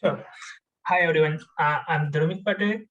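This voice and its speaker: A young man from India speaks as a podcast guest, answering in a relaxed, halting way. His voice sits slightly high for a man, and he fills pauses with uhs and restarts. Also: lo-fi sound. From India, Gujarat. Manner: hesitant, many fillers and restarts, laughs while talking. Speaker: podcast guest, software engineer. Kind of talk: casual interview answers.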